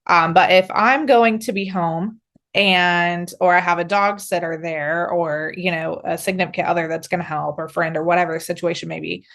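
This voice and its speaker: A woman's voice: fairly low pitch, steady tone, moderate pace, a bit bright. A middle-aged woman dog trainer giving practical, reassuring instructions to camera, with many fillers and restarts.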